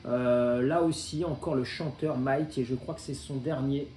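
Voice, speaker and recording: A man's voice: mid-range voice, steady tone, moderate pace, mellow, a little hiss or hum. A man in his forties casually presenting his vinyl records, hesitant and full of filler sounds but enthusiastic. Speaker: record collector. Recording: roomy echo.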